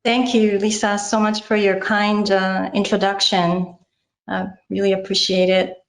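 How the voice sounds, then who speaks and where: A middle-aged woman from Japan with a Japanese accent and Japanese as her first language, giving a measured, earnest acceptance speech as incoming chapter president, with small hesitations. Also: medium pitch, flat delivery, echoey room, poor audio.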